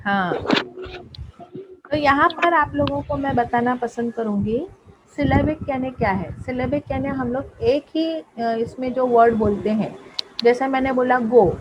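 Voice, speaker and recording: Slow-talking teacher woman, high voice. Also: a little hiss or hum, rough recording. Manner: explains slowly, mixing Hindi and English, checks with pupils. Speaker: English teacher. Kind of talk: online class lesson in Hindi and English.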